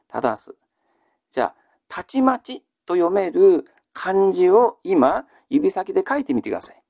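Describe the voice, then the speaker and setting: A man teaching a classical Chinese reading lesson, patiently drilling listeners with questions and repeating the answers in a polite, measured way. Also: a little high, creaky, darkish tone, dry recording, clean studio sound. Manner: polite, measured lecturing with frequent fillers.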